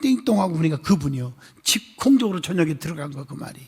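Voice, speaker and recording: A male pastor preaching a sermon, telling a story with animated gusto and calling on the congregation for amens. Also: on the high side, fast talker, slightly rough. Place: church sanctuary. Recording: long church hall reverb.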